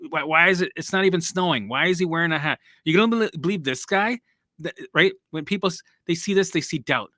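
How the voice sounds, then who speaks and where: This recovery coach runs a relaxed live stream in a fairly high, bright, forceful voice, speaking quickly. The studio-quality audio has no echo. He wanders off topic, says things twice, curses offhandedly and chuckles at himself while responding to viewers.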